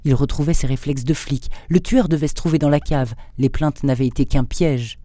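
A man reads a thriller aloud at a measured, steady pace, his voice warm and mellow. The recording is dry and close with no room sound. Plain presenter narration between the scenes. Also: a little high, no echo. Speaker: radio book reader and presenter. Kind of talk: dramatic reading of a thriller.

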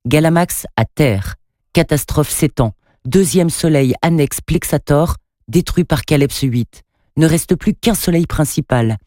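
A man's voice: on the high side, a little slow, a little mellow, no room sound, clean studio sound, close to an everyday voice. A man voicing an earnest young boy reading a message aloud, hesitant, in a storybook.

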